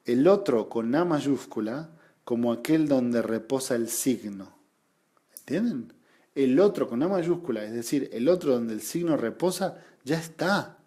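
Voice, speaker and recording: Speaking in a warm, mid-range voice with an Argentine Spanish accent, a man gives an explanatory lecture to a study group. He often tacks on rhetorical tag questions and repeats points for emphasis.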